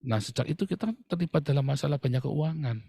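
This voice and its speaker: A man's voice: fairly high pitch, expressive, fast, vocal fry, warm tone, breathy edge, dry recording, studio quality. A middle-aged man preaching a sermon to his congregation, acting out playful mock quotes as he goes. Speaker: pastor.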